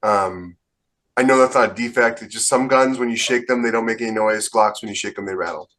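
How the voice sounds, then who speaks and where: A man co-hosts a podcast in a casual group chat, speaking in a matter-of-fact, opinionated way. His voice is fairly low, a bit bright, and he talks fairly quickly.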